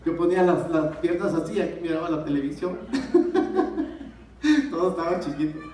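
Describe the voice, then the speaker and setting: A man with a Mexican accent giving a personal testimony in church, telling his story with lively, acted-out dialogue. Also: on the high side, moderate pace, slight background noise. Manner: animated storyteller, acts out dialogue. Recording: echoey church hall, distant mic.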